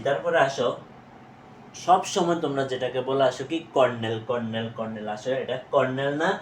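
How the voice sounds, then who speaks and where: A man with a Bangladeshi accent teaching a vocabulary lesson, spelling words letter by letter and repeating how to say them, quizzing his students as he goes. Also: medium pitch. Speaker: English teacher. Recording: echoey room with faint noise.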